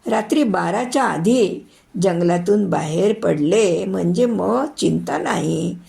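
A woman reading the lines of a young man traveling home, a steady, commanding brother figure in a spoken story. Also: medium pitch, slow, creaky, heavily acted. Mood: calm. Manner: urgent commands in the danger scene.

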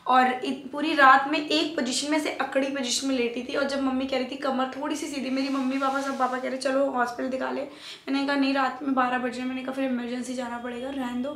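A young woman with a high, bright-pitched voice tells a personal story in a casual, animated way, slipping English phrases in and acting out what family members said. She sounds like she's in an echoey room. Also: fairly quick. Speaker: vlogger telling her love story.

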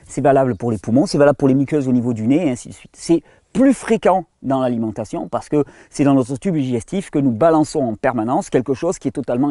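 A French-speaking man hosting a health channel, explaining at length in a casual tone to the viewer, with frequent restarts and study titles read in halting English. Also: mid-range voice, mellow, no echo. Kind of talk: explanatory monologue.

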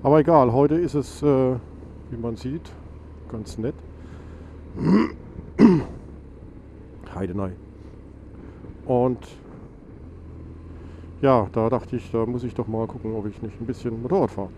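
A man's voice: mid-range voice, slow, long pauses, mellow. A man, stuffy and nasal from a cold, chatting casually while riding a motorcycle and rambling with many fillers. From Germany. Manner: rambling, self-correcting, lots of fillers. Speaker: motovlogger. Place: outdoors on a motorcycle on a country road. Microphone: helmet mic on a motorcycle. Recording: noisy motorcycle wind and engine.

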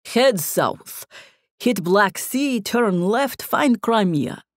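A woman voicing a giant werebear of a man, gruff yet gentle, booms out short broken phrases in a heavy Russian accent. His words come slow and simple. The audiobook reading is dry and close, with no room sound around it. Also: lively intonation, no echo. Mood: booming. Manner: broken English, bellowing, slow and plain.

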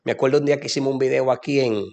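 Gravelly young man giving testimony. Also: mid-range voice, steady tone, rapid-fire, darkish tone. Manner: preachy, fervent, addresses listener as "amado". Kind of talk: emotional religious testimony.

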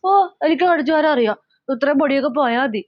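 A woman playing a bratty high-voiced young bride. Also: fast talker, no echo, close to an everyday voice. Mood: sulky, bratty. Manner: petulant, keeps threatening to tell her father. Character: pampered young bride, spoiled daddy's girl. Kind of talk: comedy skit acting. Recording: slightly dull lo-fi audio.

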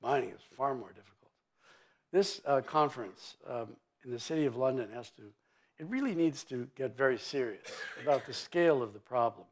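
A man's voice: mid-range voice, lively intonation, brisk. Emphatic older man on a conference stage. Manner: emphatic, sweeping and blunt, with vivid turns of phrase. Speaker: mining executive interviewee. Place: conference stage before an audience.

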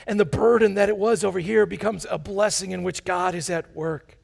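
A man in his forties preaching to his congregation in a church sanctuary, his fairly high voice heavy with gravelly fry. He is animated and playful, pacing the stage and coaxing the crowd to join in. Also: brisk. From United States. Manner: walks about the stage as he preaches. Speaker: pastor. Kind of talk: sermon. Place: large church sanctuary, indoors.

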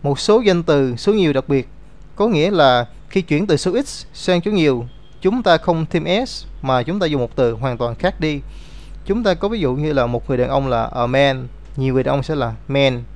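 A man's voice: mid-range voice, normal speed, darkish tone. A man teaching an English grammar lesson, explaining rules step by step and reading out example words.

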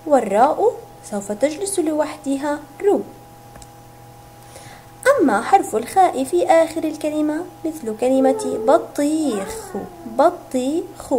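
A woman teacher giving a recorded reading lesson to young children, sounding out syllables slowly and stretching each word. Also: high voice, animated, mellow, slight background noise. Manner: slow, drawn-out syllables, sounding words out. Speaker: kindergarten teacher.

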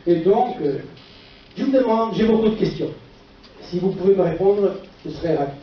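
An older man with a Portuguese accent gives a conference lecture in halting French, asking short rhetorical questions. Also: high-pitched, lively intonation. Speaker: physician lecturer. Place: dark auditorium stage at a lectern. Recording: echoey hall, distant camera microphone, muffled, faint noise.

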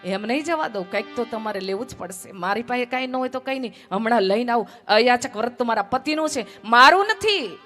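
A woman's voice: a little high, lively intonation, brisk, few pauses, a bit bright, soft background music. A woman playing a devoted, insistent poor wife. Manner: earnest, insistent and hospitable.

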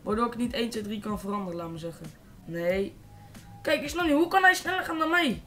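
A teenage boy from the Netherlands giving casual, excitable let's-play commentary, swearing and shouting at opponents. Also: high-pitched, brisk, soft background music. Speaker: gaming YouTuber.

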